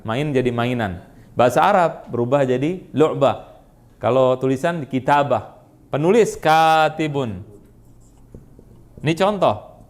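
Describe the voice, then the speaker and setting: An Indonesian-accented man teaching an Arabic grammar class, quizzing students with quick questions and repeating their answers. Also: mid-range voice, animated. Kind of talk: classroom lesson.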